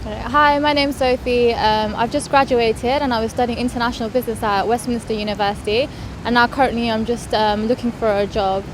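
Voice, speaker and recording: Young woman, recent graduate, higher voice. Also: steady tone, a little fast, background noise. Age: young adult. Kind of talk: casual interview.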